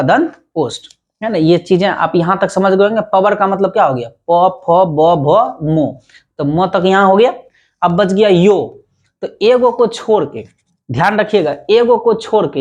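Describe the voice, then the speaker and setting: A man teaching a grammar lesson, reciting lists of terms and asking rhetorical questions. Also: high-pitched. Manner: repetitive, drills terms aloud with rhetorical questions.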